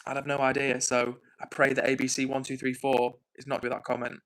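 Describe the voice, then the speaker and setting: This young man from England hosts a livestream with a medium-pitched, monotone voice that is fairly quick and fairly bright, captured on a rough recording. Reading out viewer comments, he chats casually, apologizes, mocks himself and laughs often.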